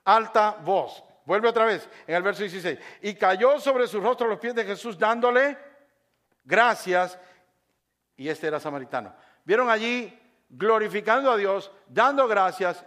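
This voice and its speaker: A male pastor preaching a sermon, swinging from quiet asides to shouted praise and acting out voices of the congregation. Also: high voice.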